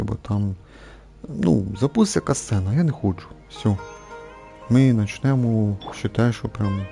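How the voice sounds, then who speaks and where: A young man with a dark, mellow, fairly low voice talks casually over a video game, griping about a long story chapter. He repeats his points and hesitates often, with game music faintly behind him. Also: vocal fry. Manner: complaining, repeats himself, many fillers. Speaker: gameplay streamer. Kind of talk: casual gameplay commentary.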